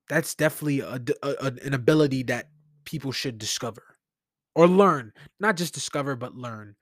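This podcast host is a man with a medium-pitched voice, talking by himself in his room with headphones on. He muses aloud into a studio mic, rambling and conversational. The recording is clean, with no room sound at all.

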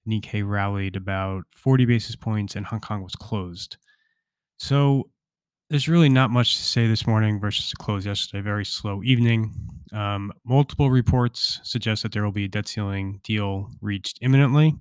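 A man hosting a morning financial briefing, delivering market news in short, rapid updates with an informal, off-the-cuff feel. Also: fairly low pitch, clear, resonant tone, no echo. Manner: informal, off-the-cuff with hedging asides. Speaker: podcast host, market commentator.

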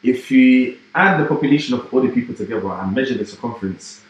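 A man's voice: mid-range voice, expressive, fast talker, dull audio. A young man co-hosting a podcast, chatting casually with jokey, rambling banter. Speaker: podcast co-host. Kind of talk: casual chat. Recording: echoey room.

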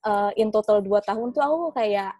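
A woman's voice: mid-range voice, moderate pace, mellow, no echo, rough recording. A young woman chatting casually in a podcast, rambling with fillers and restarts, often laughing. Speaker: guest.

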